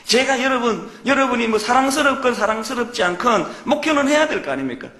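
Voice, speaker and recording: A man delivers a sermon from the pulpit. His voice sits high and swings widely in pitch, earnest and emphatic. The sound carries the echo of a church hall. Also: sharp tone. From Gyeongsang, South Korea. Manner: earnest, emphatic preaching with rhetorical questions. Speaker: pastor. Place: church sanctuary.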